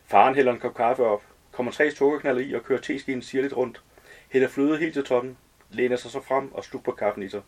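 A male author calmly reading narration from his own novel. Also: mid-range voice.

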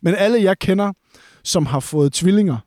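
A man's voice: high voice, dark tone, no echo, clean studio sound. A young man in casual, joking podcast chat, swearing and dropping English slang. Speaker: podcast co-host.

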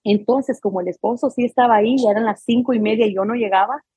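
A woman with a Guatemalan accent, a podcast guest telling her stories in a lively way and acting out the people in them. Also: fairly high pitch, quick pace, no echo. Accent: Guatemalan Spanish. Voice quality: husky. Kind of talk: conversational storytelling.

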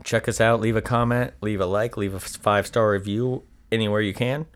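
A man's voice: on the low side, fairly even intonation, a little fast, faint music behind. A man co-hosting a podcast, telling a story in a rambling, joking way and swearing freely. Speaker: podcast co-host. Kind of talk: casual podcast chat.

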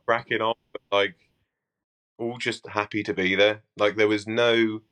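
A man's voice: lowish voice, flat delivery, measured pace, fairly bright tone, smooth. A man on a robot-fighting team, rambling reflectively with many fillers in casual podcast chat. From United Kingdom.

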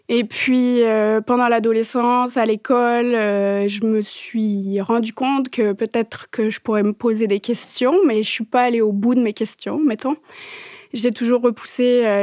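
A woman in her thirties with a Parisian French accent gives a personal testimony in a measured, reflective way, pausing often. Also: mid-range voice, a little mellow, no echo, studio quality. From France. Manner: measured and reflective, with many pauses. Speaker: researcher.

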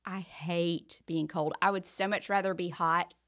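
Bright-voiced Southern woman co-host. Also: lowish voice, fairly even intonation, measured pace. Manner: chatty, curious, asks lots of questions. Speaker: podcast co-host. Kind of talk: casual chat.

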